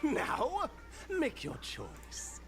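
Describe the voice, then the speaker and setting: A man's voice: very high-pitched, wildly swooping pitch, very slow, creaky, exaggerated voice. A man voicing a grandiose, gleeful game-show host who sounds like a villain, delivering a showy announcer monologue in a video game. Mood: grandiose announcing. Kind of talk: game character voice acting.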